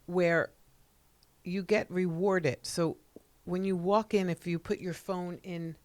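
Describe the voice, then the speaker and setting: A woman's voice: on the low side, steady tone, slow. A middle-aged woman, co-hosting a podcast and telling chatty anecdotes. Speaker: co-host. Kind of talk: casual podcast conversation.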